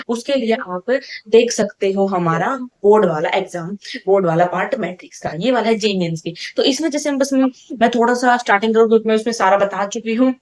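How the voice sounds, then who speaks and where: A woman teacher talking to her students in a relaxed, chatty lecture. She keeps asking questions and then answering them herself. She drops English terms into her explanations. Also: medium pitch. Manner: mixes English terms into speech. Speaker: online teacher. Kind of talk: casual classroom lecture.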